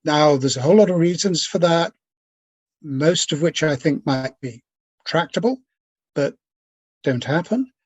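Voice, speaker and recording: Man, slow and measured, halting mid-phrase, dry sound. Thoughtful online speaker. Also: fairly high pitch, animated, slightly rough, no room sound, muffled recording. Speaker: speaker answering questions. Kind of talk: thoughtful discussion answer. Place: video call.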